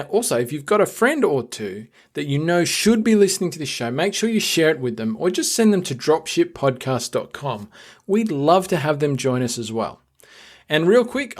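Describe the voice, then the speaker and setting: A man hosting a podcast, reading promos and interviewing a guest in an upbeat, conversational way. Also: a little high. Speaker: podcast host. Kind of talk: casual interview and scripted promo read.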